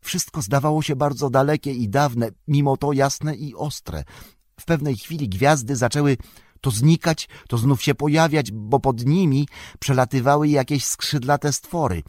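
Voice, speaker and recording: A small, frightened young hobbit, as a man reading the story voices him. The voice sits well above the reader's own low pitch, stammering and pleading in fear. It is close and dry. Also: a little slow, darkish tone, no room sound, natural voice. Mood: haunted.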